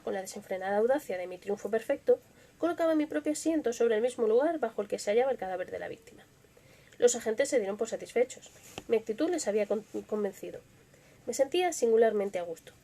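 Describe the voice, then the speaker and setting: A young woman from Spain, speaking with a Spanish accent, hosts a live stream where she reads stories dramatically and chats casually. Her fairly high voice is soft and expressive, sometimes sinking to a whisper.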